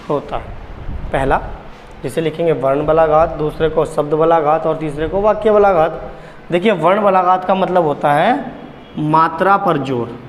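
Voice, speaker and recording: Standing at a board, a man with a slightly high voice teaches Hindi grammar, repeating key points and quizzing the class with questions. The blackboard lesson has a big-room sound and slight background noise.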